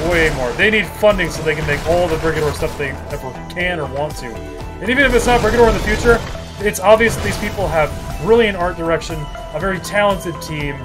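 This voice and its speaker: A man giving excitable, swearing commentary while playing a video game, game music behind him. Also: high voice. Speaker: gaming video creator.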